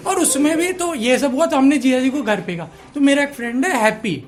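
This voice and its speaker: A man's voice: extremely high pitch, expressive, fairly quick, over music. Chatty male stand-up comedian. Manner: chatty, addresses audience directly.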